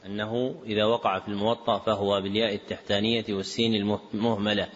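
A man teaching and explaining a classical text in a measured way, clearing his throat and giving short cues to the reader. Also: on the low side, flat delivery. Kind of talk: lesson commentary. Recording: dull lo-fi recording.

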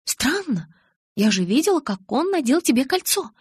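A woman voicing a bubbly, pleading young female vampire who talks in a high, emphatic, wheedling way in an audiobook. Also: big pitch swings, moderate pace, darkish tone, dry recording, studio quality. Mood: eager, insistent.

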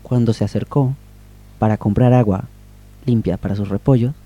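A man improvising and telling a children's story on a radio show, in a gentle, unhurried way. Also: on the low side, dull audio.

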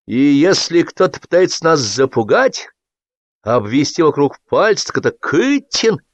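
A man's voice: medium pitch, very animated, moderate pace, dry recording, pitched above the performer's own voice. A man reading an audiobook voices a pompous, blustering middle-aged male Soviet boss who declaims in an indignant, bombastic way. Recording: dull lo-fi audiobook recording.

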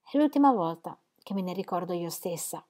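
A woman's voice: on the low side, expressive, a little fast, mellow, natural voice. A woman reading as a frank young woman. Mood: earnest. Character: lively young woman confiding her engagement. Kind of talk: audiobook character reading.

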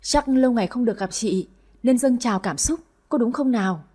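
A woman's voice: a little high, expressive, a little fast, mellow, breathy edge. A woman doing a cheerful joking young husband. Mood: playful. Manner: playful, polite.

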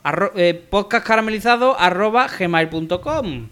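A man's voice: high voice, lively intonation, normal speed, bright, forceful tone, smooth. A man with a Seville-area Andalusian accent and a ceceo lisp, pronouncing s as th, chatting casually and comically as a podcast co-host.

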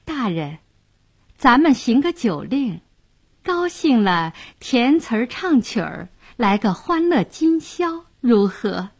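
A clever young wife with a bright, lifted voice that swings up and down, put on by a woman storyteller. She sounds sweet and coy, with a bold edge under it. The tone is slightly husky. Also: a little high, takes it slowly, no room sound, voice pushed up, exaggerated voice. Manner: defiant, then coy and flattering.

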